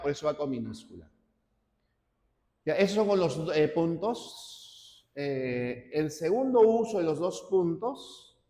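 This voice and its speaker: Slow echoey male teacher. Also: on the high side, a little mellow. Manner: slow and deliberate, checking with "¿ya?". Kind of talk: classroom lecture. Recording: roomy hall with long reverb.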